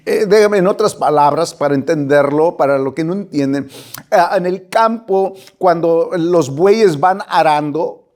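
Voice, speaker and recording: A man preaching a sermon, emphatic and animated, dropping at times to a whisper. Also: on the high side, unhurried. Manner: emphatic, rising and falling delivery with whispered asides. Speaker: pastor.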